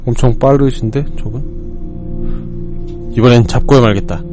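A man commentating his own gameplay, excitable, shouting and swearing at the screen. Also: mid-range voice, unhurried. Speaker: game streamer. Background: game music.

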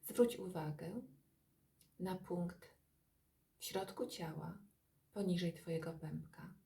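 A woman leading a guided body-scan meditation in soft, calm, drawn-out phrases with long pauses. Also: fairly low pitch, creaky.

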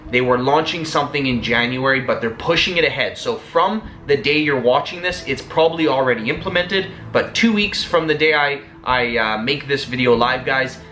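A man's voice: medium pitch, normal speed, few pauses, bright, forceful tone, a little hiss or hum. A young man casually reviewing packaged meals to camera, chatty and always calling his viewers guys. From Italian. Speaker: food vlogger. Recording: echoey room.

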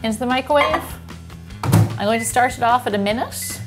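A woman's voice: fairly high pitch, a little fast, loud music behind the voice. An Irish woman hosting a casual home cooking vlog, chatting upbeat as she explains each step in her kitchen. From Ireland. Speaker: baking show host.

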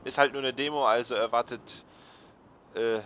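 A man's voice: medium pitch, steady tone, normal speed, a bit bright, a little hiss or hum. A man giving casual gameplay commentary. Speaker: gaming video maker. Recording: game sound clearly behind voice. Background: video game ambience and dialogue.

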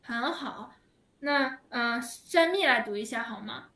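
A woman teaching an online language lesson over a video call, speaking slowly and patiently, drawing out words for her learners. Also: fairly high pitch, expressive, bright, forceful tone. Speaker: Chinese teacher. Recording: echoey room, heard from a distance.

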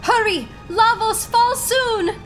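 A woman's voice: very high voice, sing-song, slow pace, faint music behind, pitched above the performer's own voice, heavily acted. A woman voicing a fierce young cavewoman warrior who speaks in clipped, broken English while reading game dialogue aloud. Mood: urgent. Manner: broken caveman-style English, clipped shouts.

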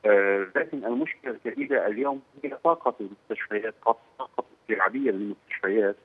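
A man's voice: lowish voice, husky. Man on a poor, tinny phone line. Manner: hesitant, pauses to search for words. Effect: poor-quality phone line. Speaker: political analyst. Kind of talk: phone interview on a news program. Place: Beirut, by phone.

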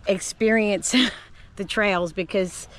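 In a slow, unhurried way, a middle-aged vlogger chats to her viewers while filming herself along outdoor park trails next to a spring. The handheld camera, held at arm's length, captures a medium-pitched voice with fairly even intonation.

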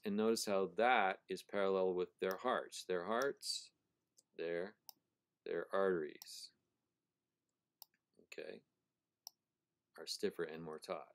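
A man explaining prose style in a recorded lecture, thinking aloud, correcting himself and slowly repeating phrases to stress their sounds. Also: low voice. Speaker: professor.

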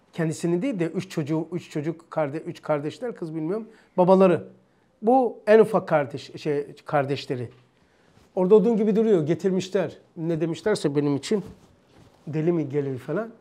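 A man teaching a religious lesson, telling stories in an animated, emphatic way and repeating phrases. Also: sits high. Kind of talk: storytelling lesson.

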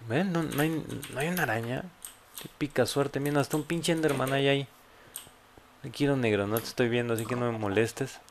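A man's voice: medium pitch, fairly quick, slight background noise. Profane Mexican man narrating his gameplay. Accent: Mexican Spanish. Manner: swears a lot, bursts into loud yelps. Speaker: gameplay YouTuber. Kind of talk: casual gameplay commentary.

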